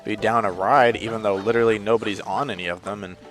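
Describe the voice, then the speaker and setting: A man giving casual, rambling gameplay commentary as a let's play host, with sudden loud outbursts and hiccups. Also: lowish voice, fairly even intonation, fast, soft background music.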